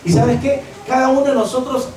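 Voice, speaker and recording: A man's voice: very high voice, steady tone, fairly quick, a little mellow, a little hiss or hum. A Peruvian man, a pastor, preaching a fervent sermon and acting out the voices of the people he quotes. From Peru. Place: church hall. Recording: echoey church from far off.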